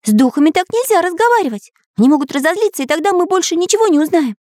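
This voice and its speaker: A woman voicing an excitable young male artist in a children's audiobook, speaking high and eager. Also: racing, no room sound, studio quality. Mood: alarmed.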